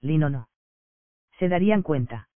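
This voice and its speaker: Un hombre que interpreta a un preso urgido que se justifica tras un crimen, leído en un audiolibro de teatro. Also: male voice, a little high, lively intonation, measured pace, no room sound. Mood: urgent. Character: male prisoner who just killed a traitor. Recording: dry, tinny phone-like sound.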